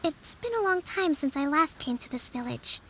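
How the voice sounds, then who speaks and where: In this game clip, soft music plays under a young female priestess, an island leader who stays calm and measured. She sounds composed, formal and gently authoritative, with a high-sitting voice at a moderate pace and slight background noise.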